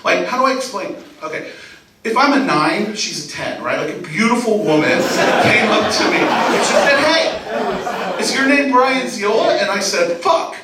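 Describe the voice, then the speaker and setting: A man performing a self-deprecating stand-up set on a club stage, talking animatedly and sometimes breaking into yelling. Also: high-pitched, animated, moderate pace, recorded from a distance, noisy background. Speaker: stand-up comedian. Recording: roomy club sound with loud audience laughter. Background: audience laughter.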